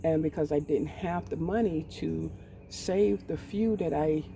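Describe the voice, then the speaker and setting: Slow, gravelly woman in her forties. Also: low-pitched, distant mic, background noise. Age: 40s. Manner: hesitant, with many pauses and ums. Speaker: vlogger. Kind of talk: candid personal talk. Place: outdoors in a garden. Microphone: poor mic set away from the speaker.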